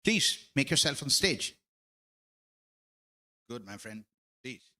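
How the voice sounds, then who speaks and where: A man's voice: mid-range voice, very animated, slow pace, pushed and bright. A man from New Zealand with a Kiwi accent, moderating a panel in a friendly, informal way.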